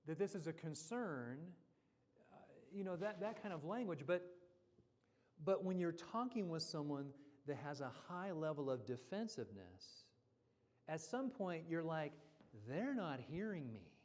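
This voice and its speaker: A man speaking at a church seminar in a conversational teaching style, now and then acting out quoted voices. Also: on the high side. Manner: animated, acts out quoted voices. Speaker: guest speaker. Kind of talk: seminar talk. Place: church hall.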